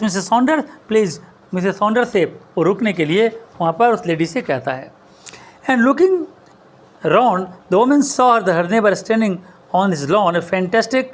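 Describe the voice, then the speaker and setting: Male tutor explaining a story, lively pitch, slow on the quoted lines. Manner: reads English lines slowly, then explains in Hindi. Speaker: teacher. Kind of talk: line-by-line story explanation lesson.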